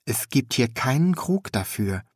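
A bright, high-pitched young apprentice lad, eager and chatty, full of naive questions. The voice leaps well above a normal man's speaking pitch and bounces with lively swings. It sounds keen and talkative. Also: measured pace, husky, no echo, studio quality.

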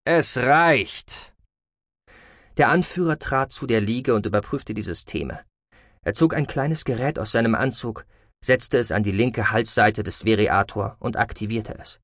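A man reading a science fiction audiobook as narrator, expressive and voicing every character. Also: lowish voice, normal speed, no room sound, clean studio sound. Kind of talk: scripted narration.

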